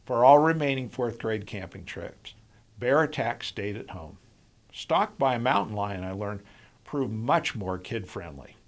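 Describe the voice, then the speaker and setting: A middle-aged man narrating a scripted, humorous personal story in a deliberate, deadpan way. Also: on the low side.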